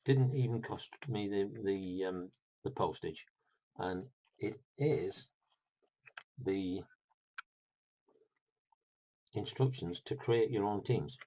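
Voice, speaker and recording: Man, middle-aged, very low voice, rambling, chatty unboxing vlog. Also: slow pace, dark tone, a little hiss or hum, poor audio. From United Kingdom. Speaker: board game vlogger.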